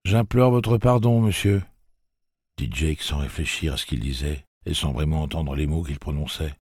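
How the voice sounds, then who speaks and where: A man narrating an audiobook in a measured storytelling manner. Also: rumbling low, fairly even intonation, breathy edge, no echo, studio quality. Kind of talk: scripted narration.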